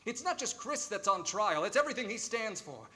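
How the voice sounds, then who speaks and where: A man's voice: high voice, very animated, a little fast, sharp tone, heavily acted. A man playing an earnest, idealistic defense lawyer in a 1940s-style radio play, with a declamatory delivery. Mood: earnest, hurt.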